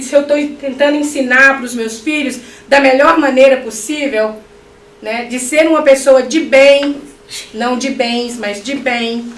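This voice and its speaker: Woman, middle-aged, high voice, animated lecture, joking asides, distant mic, echoey hall. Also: a little hiss or hum. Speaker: spiritist lecturer.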